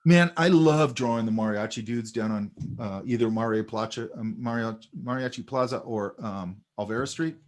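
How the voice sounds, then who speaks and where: A man teaching a sketching class in a relaxed, chatty way, telling stories while he points out details in drawings. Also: medium pitch, normal speed, few pauses. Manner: animated, storytelling, talks over drawings. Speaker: art instructor. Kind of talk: casual teaching chat.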